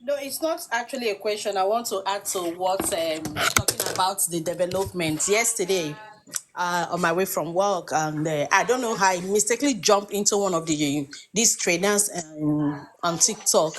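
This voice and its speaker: A woman's voice: fairly low pitch, moderate pace, a little hiss or hum. A woman joining a live stream to chat, hesitating with fillers and laughing as she talks. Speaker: audience member. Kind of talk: casual chat.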